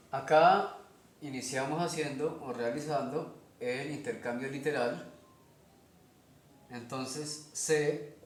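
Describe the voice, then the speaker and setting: A man with a Colombian Spanish accent teaching a language lesson, explaining slowly step by step and often checking in with his listeners. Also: medium pitch, slight background noise. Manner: slow, methodical, checks in with "¿ok?". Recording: echoey room.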